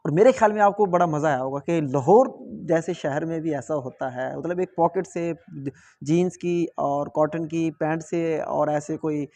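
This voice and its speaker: A young man from Pakistan tells a story casually to camera. His voice sits a little high, and he talks in an animated way, repeating himself and chuckling as he goes. The sound is dry and close, with no room echo. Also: moderate pace. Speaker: vlogger.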